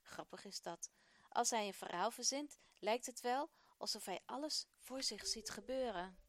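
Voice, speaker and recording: A woman presenting a children's radio program, telling a story in a lively, expressive way. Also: a little high, moderate pace, no room sound.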